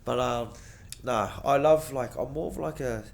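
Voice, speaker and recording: Broad Kiwi bloke with a creaky voice. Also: male voice, mid-range voice, moderate pace. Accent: broad New Zealand. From New Zealand. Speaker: interview guest. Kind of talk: casual chat.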